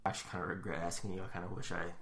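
Laid-back man with a lowish voice. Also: level tone, rapid-fire, vocal fry, fairly bright tone. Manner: laid-back, laughs easily. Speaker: podcast co-host. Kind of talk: casual chat.

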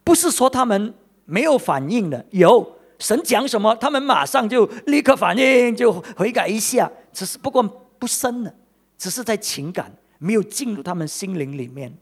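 A man preaching a sermon as a pastor, animated and exclaiming, swinging between loud bursts and quiet asides, often pausing on "OK" and fillers. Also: high voice. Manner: peppers talk with "OK" and drawn-out fillers.

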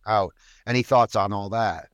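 A man's voice: lowish voice, moderate pace, no echo, clean studio sound. A man hosting a policy discussion, talking conversationally with wry asides.

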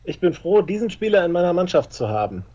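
A man's voice: sits high, sing-song, fast, warm tone, no room sound. A man co-hosting a casual interview, reading out short questions and chatting with the guest. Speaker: co-host asking quiz questions. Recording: slightly dull, lo-fi sound.

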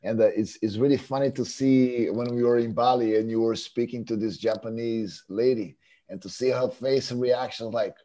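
A man's voice: medium pitch, fairly even intonation, normal speed, warm tone. A man interviewing a guest in a friendly, chatty way, often laughing as he talks. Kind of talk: casual interview chat.

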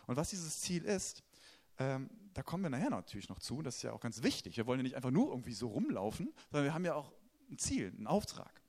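A male preacher delivers a sermon with an animated, swinging voice that sits a little high for a man. He talks casually to his listeners and puts questions to them as he goes. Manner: lively, conversational preaching with questions to the congregation.

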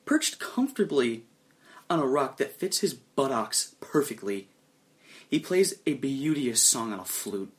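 A male game master narrates an adventure with a very animated, widely swinging pitch. He sinks into low, hushed tones for suspense, then rises again as the action picks up. His voice sits in a middle pitch range. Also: a little slow. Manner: lively, dramatic storytelling that drops low and hushed for suspense.

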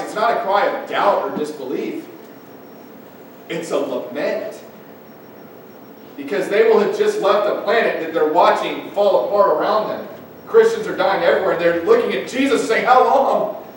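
High-voiced preacher, echoey church. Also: male voice, moderate pace, recorded from a distance, a little hiss or hum. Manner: impassioned preaching, swinging between loud emphatic pushes and quiet low asides. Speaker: pastor. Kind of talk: sermon. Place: church sanctuary. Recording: echoey church room from off-mic, faint ambience.

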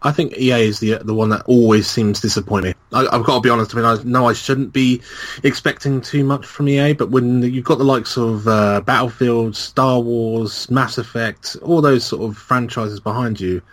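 A man's voice: medium pitch, steady tone, normal speed. A man co-hosting a casual gaming podcast, frank and opinionated, with a ready laugh and some casual swearing. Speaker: podcast co-host.

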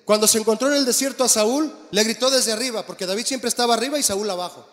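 A pastor preaches a fast, animated sermon in a voice that's high for a man, repeatedly throwing questions out to the congregation. The church hall gives everything a long, trailing reverb.

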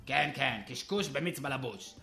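A man's voice: medium pitch, animated, bright, forceful tone, soft background music. A man voicing a stubborn, indignant male puppet professor in a ventriloquist act who waves off everything he is told. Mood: dismissive. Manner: indignant, dismissive, clears throat a lot.

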